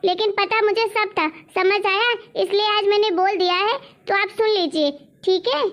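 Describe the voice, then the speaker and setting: A woman playing a sharp-tongued young daughter-in-law who talks back defiantly, in a family drama. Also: very high-pitched, steady tone, moderate pace. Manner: bossy, defiant.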